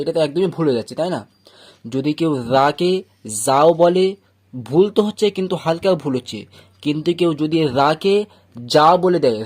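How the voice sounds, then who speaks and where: A man teaching how to read Arabic letters in a recorded lesson, patiently explaining and slowly repeating each drilled syllable, leaning harder on the key points. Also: a little high. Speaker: Quran reading teacher.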